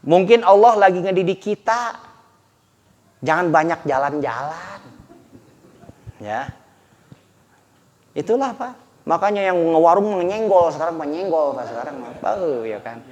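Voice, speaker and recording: Man, preacher; animated colloquial sermon, raised voice, echoey hall. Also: fairly high pitch, a little slow, long pauses. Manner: animated, colloquial, addressing listeners as Pak, with laughter. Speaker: Islamic preacher.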